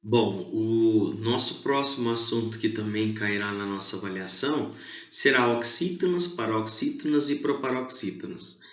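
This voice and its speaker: A male teacher giving an exam review lesson to schoolchildren, explaining slowly and stressing key syllables. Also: lowish voice, fairly bright tone. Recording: echoey room, dull lo-fi sound.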